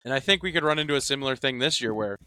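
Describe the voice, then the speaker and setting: A man's voice: medium pitch, animated, racing, bright, forceful tone, no room sound. A man co-hosting a sports podcast, breaking down quarterbacks and teasing his friends. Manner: analytical, teasing. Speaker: podcast co-host. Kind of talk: casual sports chat.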